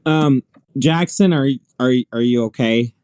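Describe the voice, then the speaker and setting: A man with a drawl chats loosely on a live storm-coverage stream. He rambles and laughs easily in a mid-pitched voice. The sound is dry and close. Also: moderate pace, darkish tone, smooth, dry recording. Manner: chatty and rambling, laughs often. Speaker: co-host of a live severe weather stream. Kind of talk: casual on-air chat.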